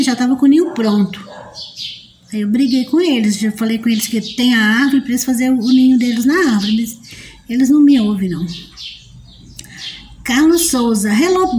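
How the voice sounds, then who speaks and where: A Brazilian woman hosts a homely live stream and chats with her viewers like old friends. Her voice sits a little high but sounds mellow and warm. She talks over a phone mic, and faint birdsong sounds behind her. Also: slight background noise. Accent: Brazilian Portuguese. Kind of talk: casual live chat, reading viewer comments aloud. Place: at home near her potted plants.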